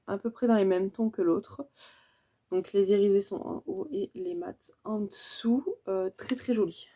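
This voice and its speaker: A woman's voice: mid-range voice, dark tone. A woman chatting through a casual beauty unboxing vlog, hesitant and chatty with many fillers and self-corrections. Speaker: beauty vlogger.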